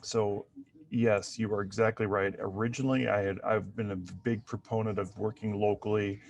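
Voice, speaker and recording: Lower-pitched male podcast host. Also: steady tone, moderate pace, vocal fry, darkish tone. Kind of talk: casual interview talk.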